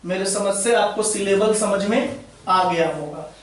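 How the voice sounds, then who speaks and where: A man's voice: high-pitched, unhurried. A man teaching English grammar in a lesson, repeating his points and often asking whether the students have understood. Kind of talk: classroom-style lesson explanation. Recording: very echoey room, voice far from mic.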